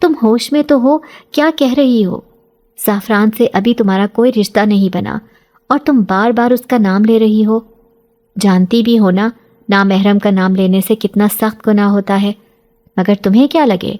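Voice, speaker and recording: Woman reading as strict scolding mom, sharp tongue, mellow voice underneath. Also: mid-range voice, close to an everyday voice. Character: stern, scolding middle-aged mother.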